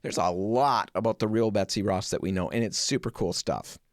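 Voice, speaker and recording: A middle-aged man hosting a home improvement show, telling a story in a chatty, animated way with lots of asides. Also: lowish voice, normal speed, dry recording, clean studio sound. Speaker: host.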